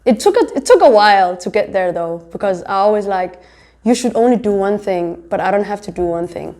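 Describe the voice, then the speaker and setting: A young woman from Denmark, a fashion designer and entrepreneur, chats casually as an interviewee. Her mid-range voice is animated, a little mellow and fairly quick as she explains herself reflectively.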